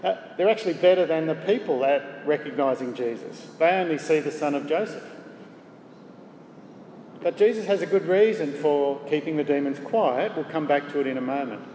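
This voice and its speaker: A man preaching a sermon in a measured way, asking the congregation rhetorical questions. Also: on the high side, darkish tone, slight background noise. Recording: echoey hall with faint ambience.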